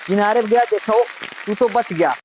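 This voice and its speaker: A man's voice: high voice, normal speed, a crowd in the background, noisy background. A man performing stand-up comedy, telling folksy jokes conversationally and acting out the dialogue in them.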